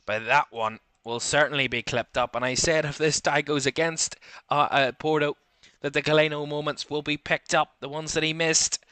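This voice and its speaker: A man's voice: on the high side, steady tone, normal speed, bright, forceful tone, smooth, no room sound. A man giving football commentary and goal reaction as a match commentator.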